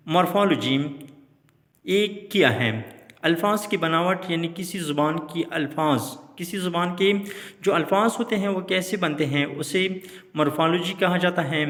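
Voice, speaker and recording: Man, grammar lesson, higher pitch, reverberant room. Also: fairly bright tone. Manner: explains terms then restates them. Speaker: English teacher. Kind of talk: explanatory lesson.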